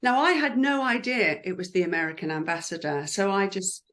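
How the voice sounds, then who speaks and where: A woman's voice: medium pitch, a little fast, a bit bright. A woman who works as a lip speaker, chatting in an encouraging way about the job in an interview, with frequent fillers. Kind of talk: careers advice interview.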